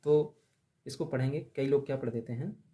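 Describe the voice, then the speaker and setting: A man teaching a grammar lesson, drilling letters aloud and repeating them slowly for the class. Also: medium pitch, fairly even intonation, warm tone.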